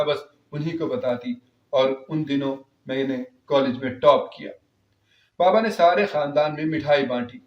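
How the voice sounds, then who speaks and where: A man of middle pitch narrates an emotional story in the first person, earnest and heartfelt. The recording is roomy, with a slightly dull tone. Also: far from the mic.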